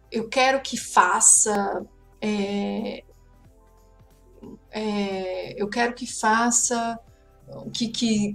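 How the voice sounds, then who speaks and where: A woman's voice: mid-range voice, a bit bright. A Brazilian woman teaching an online exam-prep lesson, explaining patiently and checking in with the viewer often. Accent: Brazilian Portuguese. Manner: explains patiently, asks itself learners' questions, frequent "tá?" check-ins. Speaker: French teacher.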